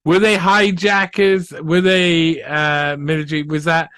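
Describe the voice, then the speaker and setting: A man hosting a show, cutting in over a news clip with halting, quizzical questions. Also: on the high side, little pitch movement, fairly bright tone, clean tone.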